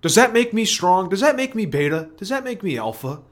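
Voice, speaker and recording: A man hosting his own broadcast in a rambling stream-of-consciousness monologue, repeating phrases and swinging between loud outbursts and low mumbling. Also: big pitch swings, brisk. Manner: erratic, swings from shouting to mumbling; repetitive, free-associating, self-questioning. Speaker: solo broadcaster.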